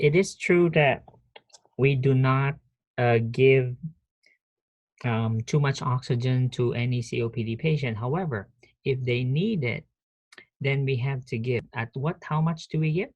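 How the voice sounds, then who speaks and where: Over a video call, a nursing professor gives an online lecture in a casual manner, restarting sentences and quizzing his students. His voice is medium-pitched and measured in pace, with no echo.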